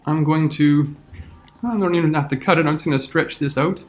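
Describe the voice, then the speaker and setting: Man talking through a software tutorial. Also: a little high, a little fast, faint music behind. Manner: talks through each step while clicking. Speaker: teacher. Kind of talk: screen-recorded software tutorial.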